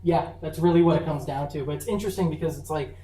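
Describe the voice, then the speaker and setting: A convention panel presenter giving a casual, chatty talk on film, full of fillers and quick laughs. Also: mid-range voice, mellow. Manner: enthusiastic, chatty, laughs often, many fillers. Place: university convention room. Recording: echoey room, far mic, faint hum.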